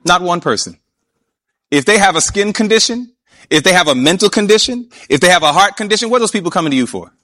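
A man preaching a sermon, emphatic, often asking his listeners questions and slowing down to stretch key words. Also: high-pitched, animated, pushed and bright. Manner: emphatic, asks the audience questions.

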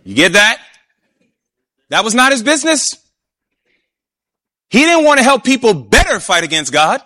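A man preaching a sermon, emphatic, often asking his listeners questions and slowing down to stretch key words. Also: extremely high pitch, sing-song, pushed and bright. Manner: emphatic, asks the audience questions.

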